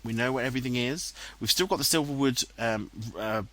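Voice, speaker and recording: A man's voice: mid-range voice, brisk, fairly bright tone. A man with an English accent, giving casual, self-mocking commentary over his own gameplay footage. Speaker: let's play commentator. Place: home room, voice-over recorded later. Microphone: headset, dubbed in post-production.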